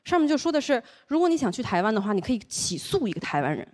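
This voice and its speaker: High lively woman with a Beijing accent. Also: rapid-fire, very noisy. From Taiwan. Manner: lively storytelling with quoted voices. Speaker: stand-up comedian. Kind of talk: stand-up comedy set. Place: comedy stage with live audience.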